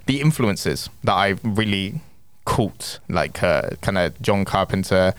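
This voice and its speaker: A man with natural croaky vocal fry, chatting casually as a film critic guest on a podcast. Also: low-pitched, lively intonation, takes it slowly, no echo. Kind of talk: casual chat.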